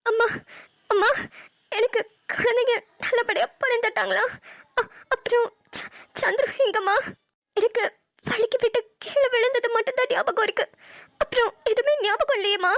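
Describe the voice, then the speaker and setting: A woman's voice: very high-pitched, normal speed, fairly bright tone, no echo, clean studio sound. Woman voicing a tearful young new mother. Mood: pleading. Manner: sobbing, pleading. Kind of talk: Tamil cartoon voice acting.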